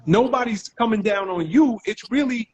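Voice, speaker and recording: A man hosts a live talk show in a fairly high voice. He asks probing, direct questions, often restarting his sentences before pressing his point. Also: normal speed, a little mellow, rough recording. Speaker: host.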